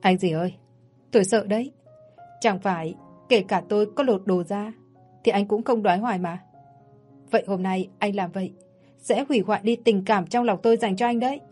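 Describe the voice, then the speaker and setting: A woman's voice: mid-range voice, normal speed, pauses often, mellow, husky, faint music behind, lightly acted. A woman voicing a frightened but stubborn young woman, pleading and defiant, in a read-aloud story. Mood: scared, pleading.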